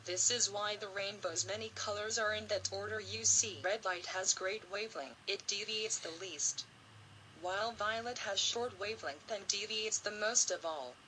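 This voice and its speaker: A woman's voice: mid-range voice, moderate pace, bright, forceful tone, a little hiss or hum, lightly acted, poor audio. A woman voicing a curious alien visitor who explains, earnestly, how rainbows form in an amateur school skit. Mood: informative.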